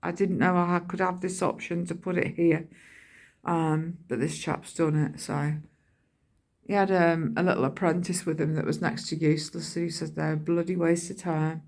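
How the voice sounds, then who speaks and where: A middle-aged British vlogger rambles through everyday stories in colloquial language, acting out what people said. Her voice is fairly low, creaky and darkish, with a level tone and moderate pace.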